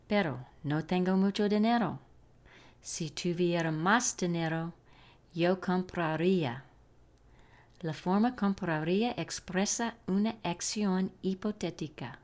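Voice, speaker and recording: A woman gives a recorded grammar lesson. She speaks slowly and carefully in a fairly low voice and repeats each example phrase. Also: a little mellow. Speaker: English teacher.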